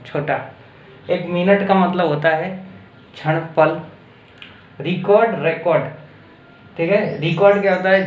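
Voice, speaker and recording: A man with an Indian accent teaching an English grammar lesson, explaining slowly and deliberately and checking in often with his students. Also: a little high. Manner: slow, deliberate explaining with frequent checks like "okay?". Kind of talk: classroom-style grammar lesson mixing Hindi and English. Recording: roomy echo with faint background noise.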